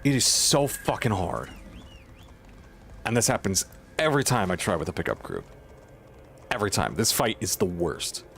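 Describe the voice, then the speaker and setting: A man's voice: fairly low pitch, big pitch swings, moderate pace, vocal fry, pauses often, fairly bright tone, a little hiss or hum. A man giving live gameplay commentary as a healer, venting in an exasperated, profane way and repeating himself for emphasis. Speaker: gamer, streamer playing a healer.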